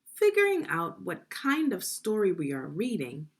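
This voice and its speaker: Here a woman teacher tells a story to kids in a deliberate, expressive, teaching manner. She pauses to ask questions that guide them, and her medium-pitched voice is slightly rough.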